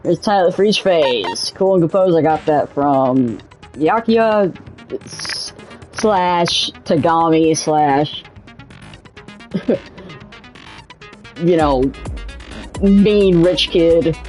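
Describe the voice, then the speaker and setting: A woman's voice: sits low, lively intonation, very slow, pauses often, darkish tone, poor audio. A young woman hosting a let's play, rambling casually with a laid-back, self-correcting manner. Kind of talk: casual gameplay commentary. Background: game music.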